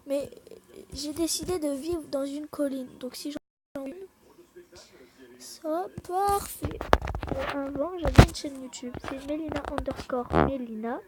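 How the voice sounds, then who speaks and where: A woman's voice: high-pitched, normal speed, noisy background. A woman giving casual, rambling gameplay commentary, chatting with viewers, apologizing often and dropping into whispered asides. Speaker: gaming video creator.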